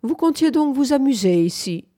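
A woman's voice: sits high, sing-song, moderate pace, warm tone, dry recording, clean studio sound, pitched above the performer's own voice. A woman reading aloud, voicing a nervous, fretful young woman in a plaintive, whining tone.

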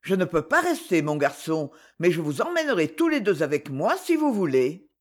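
An old general from a storybook, teasing but soft-hearted, read by a woman in close to her own voice. His lines come plain and mock-grumbling, with the pitch still moving lively. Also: normal speed. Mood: gentle.

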